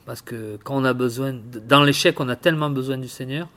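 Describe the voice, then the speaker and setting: A man giving informal Bible teaching, halting and repeating words, often asking his listeners questions. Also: medium pitch, a bit bright. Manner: halting, repeats words, tags phrases with "hein"; addresses listeners directly with questions. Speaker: preacher.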